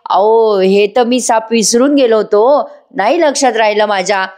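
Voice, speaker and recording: A woman's voice: fairly high pitch, moderate pace, darkish tone, close to an everyday voice. A woman voicing a scheming, rustic middle-aged man who begs and then grumbles. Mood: pleading. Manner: pleading, rustic.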